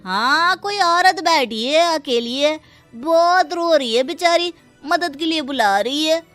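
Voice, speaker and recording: A woman's voice: sits high, animated, slow pace, a bit bright, dry recording, faint music behind, heavily acted. A woman voicing a worried neighbor man in a cartoon story, anxiously reporting trouble. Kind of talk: Hindi cartoon story dubbing.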